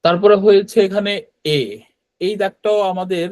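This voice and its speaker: Man, fairly high voice, online teacher, patient step-by-step explaining, pauses and fillers. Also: level tone, a little mellow. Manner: explains step by step with many hesitations. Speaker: language teacher. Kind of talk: live online class.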